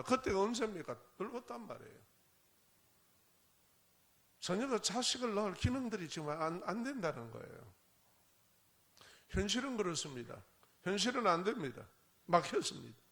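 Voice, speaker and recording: A man's voice: sits high, very animated, moderate pace, pauses often, fairly bright tone. A man pastor preaching a sermon in a church, emphatic and repetitive, with many rhetorical questions. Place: church sanctuary.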